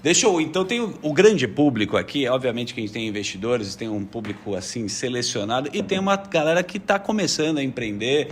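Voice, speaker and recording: A man hosting a podcast in casual chat, lively and upbeat. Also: mid-range voice, fairly quick, hardly any pauses, a little hiss or hum. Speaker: podcast host.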